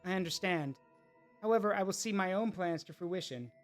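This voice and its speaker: Calm menacing evil AI, read by a player. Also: mid-range voice, a little fast, faint music behind, natural voice. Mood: cold. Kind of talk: reading game dialogue aloud.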